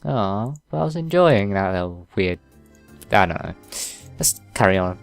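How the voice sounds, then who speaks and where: A man's voice: fairly low pitch, expressive, moderate pace, gravelly, faint music behind. A man hosting a let's play of a story game, making wry, easygoing asides. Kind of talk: casual let's play commentary.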